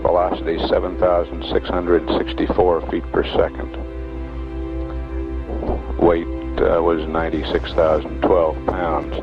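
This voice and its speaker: A man giving mission control commentary over a dull, lo-fi radio broadcast, reading out figures and updates in a measured way. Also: low voice, little pitch movement, creaky. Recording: muffled archival radio audio with music. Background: music playing over the voice.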